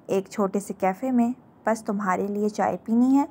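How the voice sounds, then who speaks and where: A woman's voice: mid-range voice, warm tone, lightly acted. Brief: woman voicing a cunning stepmother in a storybook reading. Falsely sweet and scheming, close to the reader's own voice. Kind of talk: dramatic novel reading.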